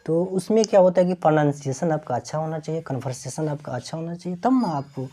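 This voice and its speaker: A woman's voice: sits low, lively intonation, quick pace, mellow. A woman teaching an English lesson, explaining letter sounds and asking her students questions, then repeating each answer.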